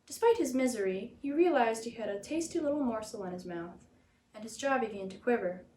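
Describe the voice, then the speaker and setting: A woman narrating a children's story as a reader, in an expressive storytelling style. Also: on the high side, fairly quick. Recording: echoey room, faint background noise.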